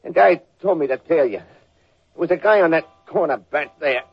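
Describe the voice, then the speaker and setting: An actor playing a big, dim-witted, easily cowed hired thug with dopey bluster and a rough husky voice, in old radio drama style. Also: male voice, a little high, lively intonation, normal speed, full character voice. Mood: pained, whining. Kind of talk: 1940s radio acting. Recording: dull lo-fi old radio recording.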